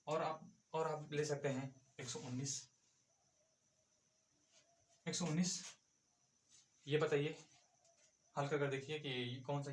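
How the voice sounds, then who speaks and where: A man's voice: medium pitch, roomy sound. A male math teacher explaining a lesson step by step, asking and answering his own questions as he goes.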